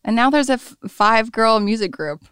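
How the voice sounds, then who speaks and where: A woman hosting a podcast in casual interview chat, playful, firing off quick questions and laughing often. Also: fairly high pitch, animated, a bit bright, smooth, dry recording, clean studio sound. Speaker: podcast host.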